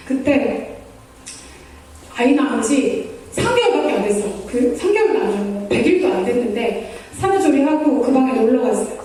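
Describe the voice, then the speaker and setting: A woman's voice: a little high, animated, moderate pace, warm tone. A woman missionary preaching a sermon, earnest and pleading, acting out prayers in the first person. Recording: echoey hall from far off.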